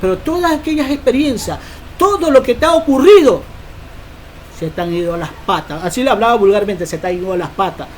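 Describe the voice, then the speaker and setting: A woman preacher giving a Bible teaching sermon, emphatic and quick to ask rhetorical questions. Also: mid-range voice, expressive, a little mellow, slight background noise.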